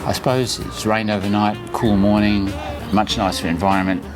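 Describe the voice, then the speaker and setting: A man's voice: on the low side, fairly even intonation, moderate pace, music in the background. A man in his sixties talking casually to camera as a running vlogger, chatty, instructive and reassuring as he shares tips. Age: 60s.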